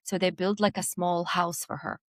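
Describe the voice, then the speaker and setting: A woman's voice: lowish voice, level tone, normal speed, dry recording. A woman from Jordan, a design executive, telling her life story in an interview, reflective and hesitant, with many fillers and restarts.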